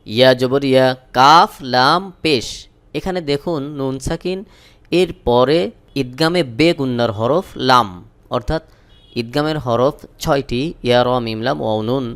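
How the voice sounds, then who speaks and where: A man from Bangladesh teaching Quran recitation, spelling out each syllable slowly and chanting the verses. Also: mid-range voice, fairly bright tone, clean tone.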